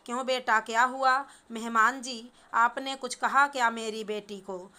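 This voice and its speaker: A woman's voice: on the high side, steady tone, a little slow, bright, forceful tone. A woman reading a stern bossy mother-in-law. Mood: worried. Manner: stern, lecturing. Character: scolding middle-aged mother-in-law, bossy. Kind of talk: storybook reading.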